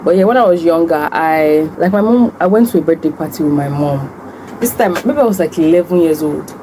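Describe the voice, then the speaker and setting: A young woman with a Nigerian accent and a low-pitched voice talks as she eats. She tells stories and answers questions in a casual mukbang style. A clear background noise, like an air-conditioning hum, runs under her voice. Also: lively intonation, brisk, mellow, poor audio. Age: young adult. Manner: talks while eating. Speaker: food vlogger and host.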